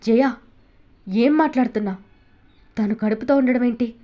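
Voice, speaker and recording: A woman reads an older family elder over 60 who shouts and then pleads in disbelief. The voice stays high and clear. Told as a storybook reading. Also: a little fast, lightly acted. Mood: pleading disbelief. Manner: pleading, bewildered. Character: older man, kind but stern head of family.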